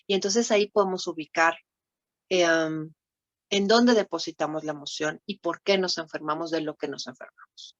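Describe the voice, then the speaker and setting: A woman lecturer with a Mexican accent teaches at a conference, ending her points with little checking questions. The sound is dull and lo-fi, in a dry room with no echo. Her pitch sits in a middle range. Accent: Mexican Spanish. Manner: warm teaching tone with frequent tag questions. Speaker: thanatology lecturer. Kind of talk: conference talk.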